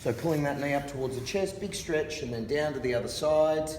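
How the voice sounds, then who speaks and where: Male fitness coach, careful and unhurried, encouraging instructional delivery, recorded from a distance in a noisy, reverberant hall. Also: a little high, a little mellow. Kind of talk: instructional exercise demonstration with coaching cues. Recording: distant mic, reverberant hall, background noise.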